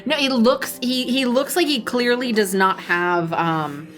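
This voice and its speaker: A woman's voice: on the high side, unhurried. A woman improvising narration as the game master of a tabletop game. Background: prominent music.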